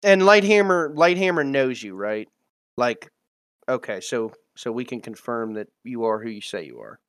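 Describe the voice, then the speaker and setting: Man, tabletop player, blunt, excitable, animated pitch, dry close sound. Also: moderate pace, dry recording. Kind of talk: tabletop game table talk.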